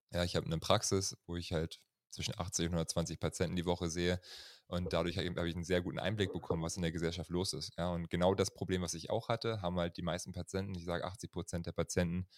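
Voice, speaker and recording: Deep-voiced relaxed German man. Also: no echo, studio quality. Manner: relaxed, loose, peppers speech with "ja". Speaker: podcast guest, chiropractor. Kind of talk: casual interview talk.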